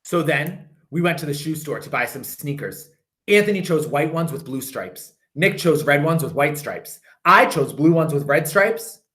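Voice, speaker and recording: His pitch fairly high, a male teacher reads a children's picture book aloud and leans into the repeated phrases, drawing them out expressively.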